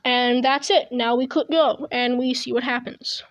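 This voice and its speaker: Woman, high voice, hesitant commentary on a game, chewing gum, earbud mic at home. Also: fairly even intonation, measured pace, lo-fi sound. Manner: rambling, hesitant, many restarts. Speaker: gaming video host. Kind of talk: casual gameplay commentary. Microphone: earbud headset mic.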